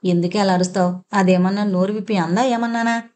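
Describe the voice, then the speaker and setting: A kind, devoted middle-aged father , read by a woman narrator speaks softly to his daughter in a storybook reading. His tone stays tender and hushed. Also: medium pitch, fairly even intonation, brisk, natural voice. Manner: soft and affectionate.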